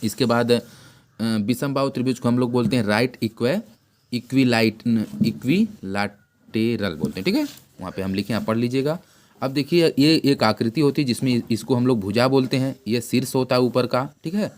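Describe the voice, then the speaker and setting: A man tutors one pupil in an informal math lesson at an ordinary middle pitch. He repeats every new term and quizzes the pupil with quick questions. His delivery is plain and chatty, with frequent restarts. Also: darkish tone. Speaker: math teacher.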